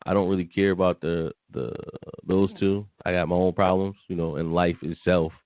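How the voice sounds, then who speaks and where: A man's voice: low voice, little pitch movement, normal speed, a little hiss or hum. A man co-hosting a podcast, talking bluntly and dismissively in casual chat, often repeating himself. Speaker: podcast co-host. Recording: tinny phone line, dry.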